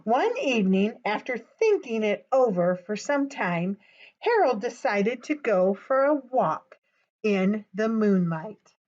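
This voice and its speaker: A woman presenting a storytime for young children, talking to them directly in an animated way as she reads aloud. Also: medium pitch, takes it slowly, highs cut off.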